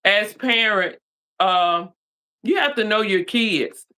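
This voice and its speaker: A woman's voice: medium pitch, animated, slow, pushed and bright. A middle-aged woman in a casual chat, speaking earnestly and affirmingly. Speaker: co-host.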